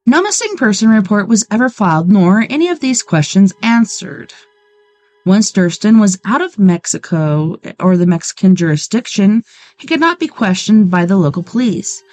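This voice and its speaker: A woman's voice: medium pitch, lively intonation, moderate pace, a little mellow, dry recording, soft background music. A woman hosting a late-night show, reading a true-crime book aloud and breaking off into blunt, sarcastic asides with swearing. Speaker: weekend show host.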